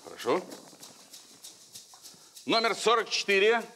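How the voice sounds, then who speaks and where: High-pitched male bingo caller. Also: very animated, a little slow, creaky. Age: middle-aged. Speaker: lottery game show host. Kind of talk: bingo caller announcing drawn numbers. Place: large TV studio with audience. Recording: noisy old TV studio broadcast.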